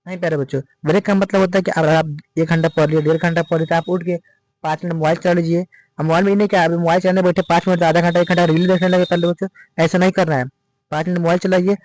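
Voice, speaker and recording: A man's voice: sits high, a little mellow, no echo, low-quality recording. A male teacher giving an exam-prep lecture, urging students and calling them dear children in nearly every sentence.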